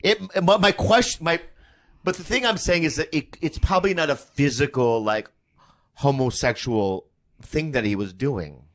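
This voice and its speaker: A man hosting a podcast, chatting casually and teasing his guest. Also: on the high side. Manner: teasing, quick to laugh. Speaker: podcast host. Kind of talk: casual chat.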